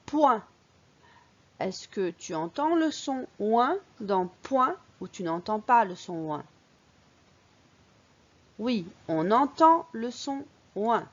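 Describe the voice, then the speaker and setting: A woman teacher with a fairly high, lively voice walks young children through a phonics lesson. She talks slowly and clearly and lifts each key word in a sing-song way. The recording sounds a bit dull and lo-fi. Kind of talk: early-reading phonics lesson.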